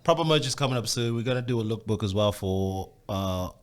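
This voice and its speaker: A man's voice: fairly low pitch, expressive, fairly quick. A man co-hosting a show, laid-back and speaking in short remarks. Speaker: co-host. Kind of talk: casual interview chat.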